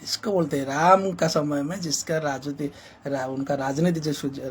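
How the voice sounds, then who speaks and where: A man's voice: a little high, steady tone, moderate pace, slight background noise. A man giving an impassioned commentary as a social reformer, emphatic and repetitive, with many rhetorical questions.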